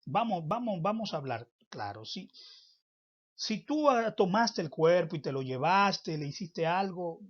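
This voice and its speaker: A man voicing a distraught grieving woman who pleads urgently in halting, rushed restarts, heard on a dull lo-fi recording. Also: sits high, expressive, fairly bright tone, husky, voice pushed up, full character voice. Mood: desperate pleading.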